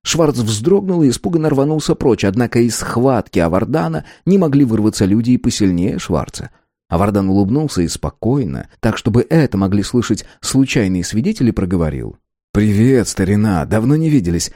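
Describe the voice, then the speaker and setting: Lively male audiobook narrator. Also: mid-range voice, a little fast, no echo, studio quality. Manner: expressive, lively reading. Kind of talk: scripted narration.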